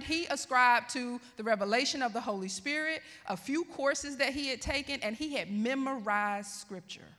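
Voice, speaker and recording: Woman preacher, high clear voice, expressive sermon delivery, reverberant hall. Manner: expressive preaching, calling out to the congregation. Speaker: pastor.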